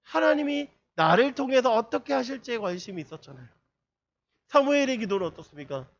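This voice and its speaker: A man's voice: very high voice, very animated, fairly quick. A man preaching a sermon to a youth group, asking his listeners one rhetorical question after another. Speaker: youth pastor. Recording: dull lo-fi sermon recording.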